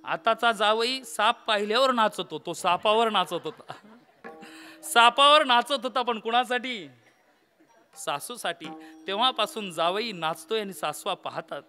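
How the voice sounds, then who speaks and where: A man's voice: sits high, expressive, measured pace, sharp tone, faint music behind. A man preaching a comic devotional kirtan sermon, telling the story theatrically, quizzing the audience and breaking into song. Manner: asks the audience questions.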